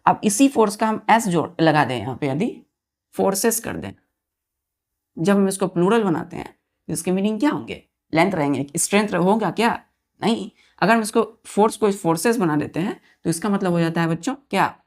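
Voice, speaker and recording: An expressive woman teacher with a darkish tone and a middle pitch leads a grammar lesson for exam preparation. She calls her students children, turns to them with quick questions again and again, repeats each key term, and spells words one letter at a time.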